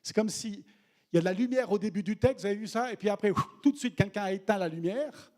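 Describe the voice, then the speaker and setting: A man preaching a sermon as a missionary, animated and humorous, acting out the people in the story he tells. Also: sits high, fast. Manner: animated, acts out voices of people in the story, jokes with the congregation.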